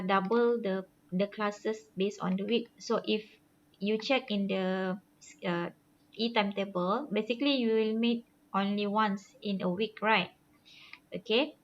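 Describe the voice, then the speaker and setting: Woman, Malaysian accent, lecturer, halting with fillers, screen-recorded video call, muffled sound, faint hiss. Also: mid-range voice, fairly bright tone. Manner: halting, with many fillers and "lah" tags. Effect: screen-recorded online class audio. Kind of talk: online course briefing.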